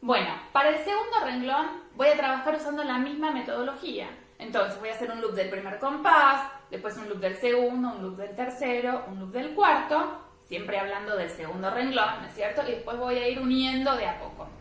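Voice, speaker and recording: A violin teacher explains practice steps in a patient, methodical way, often checking in with her students. Her voice sits a little high for a woman. The recording rings with heavy echo from the room. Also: lively intonation, fairly quick, fairly bright tone. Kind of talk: step-by-step music lesson. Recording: very echoey room.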